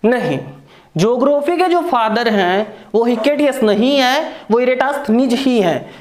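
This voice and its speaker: A woman's voice: fairly high pitch, animated, a little slow, darkish tone, echoey room. A woman teaching an online lesson, who asks questions and answers them herself and repeats key points. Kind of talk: online lecture.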